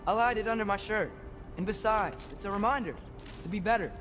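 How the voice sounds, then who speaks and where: High-pitched, earnest teenage boy played by a man, stubborn, self-doubting, fantasy game dialogue, music behind. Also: a little fast, close to an everyday voice. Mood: defensive, determined.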